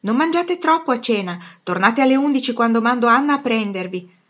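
A woman voicing a gentle, motherly woman giving kind instructions to her daughters. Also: on the low side, expressive, a little fast, breathy edge, dull audio. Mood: caring.

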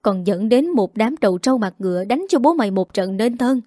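A woman's voice: a little high, lively intonation, a little fast, warm tone, no room sound, clean studio sound, natural voice. Woman doing a bitter, wailing village mother. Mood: lamenting. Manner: wailing, scolding, harsh-tongued.

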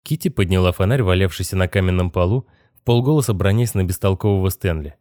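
A man reads an audiobook in a measured, even narrating voice. His voice sits fairly low, and the recording is dry and close, with no room sound. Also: no echo. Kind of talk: scripted narration.

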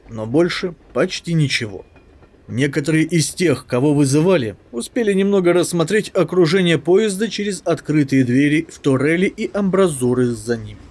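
Male audiobook narrator, lively pitch, dramatic reading.

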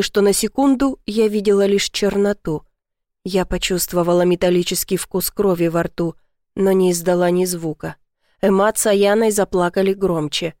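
A woman's voice: medium pitch, a little mellow, no echo, studio quality. Woman narrating a dramatic audiobook. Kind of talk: scripted first-person narration.

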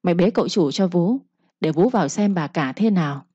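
A woman voicing a loyal old nanny who talks in a brisk, soothing and deferential way, in a storybook reading. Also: fairly low pitch, animated, mellow, husky, no room sound, dull audio. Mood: caring.

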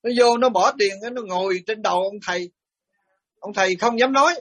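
Speaking at a brisk clip, a middle-aged Buddhist monk shares stories in a dharma talk, staying lively and acting out what people said in a blunt way. His voice is fairly high and husky-edged. The sound is close and dry, with little room around it.

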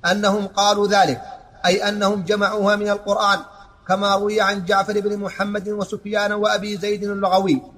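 High-voiced man reciting in a monotone. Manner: flat, even recitation with stumbles and restarts. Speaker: student reading the text aloud. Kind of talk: reciting a classical text in a lesson.

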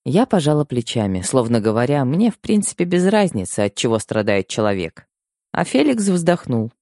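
A man reading a first-person story aloud as an audiobook narrator, with expressive storytelling. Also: medium pitch, normal speed, no room sound, clean studio sound. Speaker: audiobook reader.

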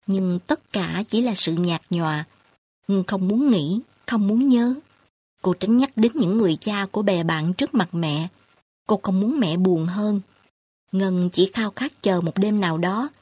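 A woman narrating a story in a tender, measured way, with a husky voice. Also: mid-range voice, a little mellow, dry recording.

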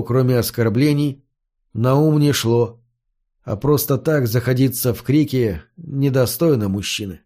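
Audiobook narrator, male, mid pitch, measured storytelling read. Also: dark tone. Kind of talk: scripted narration.

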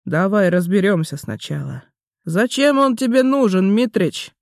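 A man voicing a calm, wry male demon warrior who speaks in a reasoning way, in an audiobook. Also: high voice, a little slow, gravelly, no echo, studio quality, heavily acted. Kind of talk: audiobook character voice.

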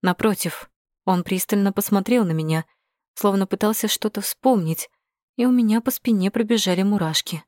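A woman narrating a first-person audiobook in a measured, steady way. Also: mid-range voice, dry recording, studio quality.

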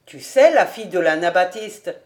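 A woman's voice: fairly low pitch, animated, moderate pace, natural voice. A woman voicing a jovial, well-off man who teases his old friend, in an audiobook reading. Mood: cheerful. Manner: teasing, half-serious. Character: jovial well-off man, teasing, fond of food.

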